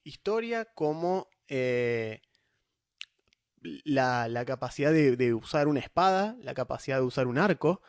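A man's voice: mid-range voice, expressive, measured pace, no echo. A young man with a Rioplatense Spanish accent explains game lore in casual podcast chat. He talks animatedly, restarting his sentences often. The sound is dry and close, with no room around it. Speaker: podcast host discussing tabletop lore.

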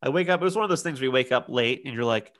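A man's voice: medium pitch, very fast. A man in his thirties, a podcast co-host telling a party story in casual chat and acting out the quotes. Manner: animated storyteller, acts out quotes.

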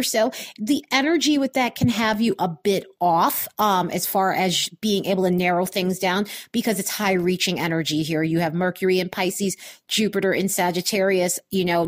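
A woman hosts a casual astrology forecast as a solo monologue. She talks in a chatty, upbeat, informal way at a middling pitch. It is a dictaphone-style recording, made on a phone voice recorder. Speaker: astrology video host. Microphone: phone voice recorder app.

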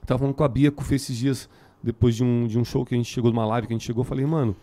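A man with a São Paulo Brazilian Portuguese accent talks very fast in a mellow, softened tone at an average pitch. His speech is casual and packed with street slang, in the loose style of a podcast chat. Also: fairly even intonation. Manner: heavily slangy, filler-laden street talk. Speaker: band musician, interview guest.

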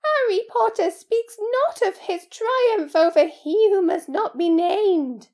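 Woman voicing Dobby, a squeaky, servile little house-elf. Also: expressive, slow pace, darkish tone, heavily acted. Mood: reverent. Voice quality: squeaky, breathy with emotion. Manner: servile, refers to himself in third person, pleading. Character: squeaky, servile, fearful, devoted small male house-elf.

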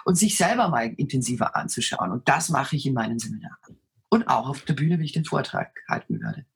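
Woman, very deep low voice, markedly husky and rough, self-assured, commanding, conversational storytelling. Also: very animated, brisk. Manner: self-assured, dominant presence. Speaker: interview guest, leadership coach and speaker. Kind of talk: conversational interview answers, storytelling.

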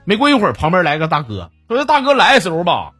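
A man's voice: high voice, huge pitch swings, rapid-fire, fairly bright tone, husky, no room sound, faint music behind. A man with a Northeastern Mandarin accent hosting a comic radio show, telling jokey stories and reading listener messages.

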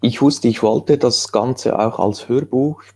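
A man, an author telling his story in a relaxed interview, rambling with many fillers and restarts. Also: mid-range voice, slow pace, slight background noise. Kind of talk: casual conversational interview.

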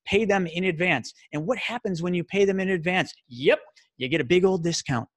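Excitable man pitching a money system. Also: dry recording. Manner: excited, rapid, full of rhetorical questions. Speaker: financial presenter. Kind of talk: energetic sales presentation.

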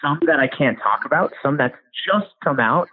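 A man's voice: a little high, lively intonation, moderate pace, breathy edge. An American man, a voice actor, giving an upbeat, friendly phone interview with eager energy. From United States. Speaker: voice actor guest. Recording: tinny phone line.

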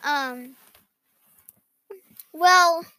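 A young girl with a very high, bright voice co-hosts a podcast. She talks casually and reads quiz questions aloud, with little room sound around her. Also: extremely slow, no room sound, low-quality recording. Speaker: podcast co-host. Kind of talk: casual podcast chat, reading quizzes aloud.

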